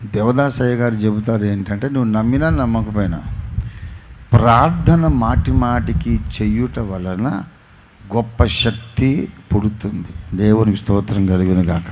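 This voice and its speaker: A man's voice: measured pace, slight background noise. A male pastor with a Telugu accent preaching a sermon, acting out an anecdote with sudden rises and drops in voice. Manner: dramatic storytelling, voicing characters with swings in pitch and loudness. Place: church gathering.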